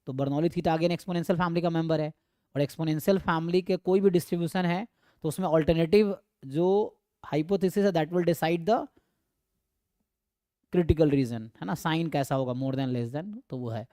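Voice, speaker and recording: This exam problem walkthrough lecture features a statistics teacher whose voice is fairly high and warm, at a moderate pace. The studio sound is clean, with no room echo, and he explains steadily, slipping in English terms and frequently asking his students "है ना".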